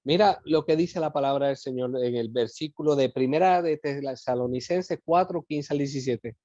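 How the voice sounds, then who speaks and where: Animated Puerto Rican man, dull dry sound. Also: mid-range voice, moderate pace, dry recording. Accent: Puerto Rican Spanish. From Puerto Rico. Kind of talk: explanatory talk.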